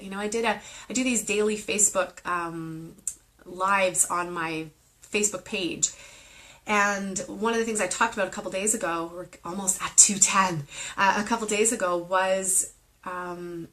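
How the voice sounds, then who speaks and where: Bright-voiced woman leading a heartfelt meditation talk. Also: mid-range voice, low-quality recording. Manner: earnest, emotional, heartfelt. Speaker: meditation teacher. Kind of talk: live-streamed spiritual talk and guided meditation. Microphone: phone or webcam on a live video stream.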